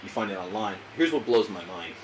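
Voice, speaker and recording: A man hosting a podcast in casual chat, telling stories in a wry, profane, animated way. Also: on the low side, a little fast, a little hiss or hum, poor audio. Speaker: podcast host.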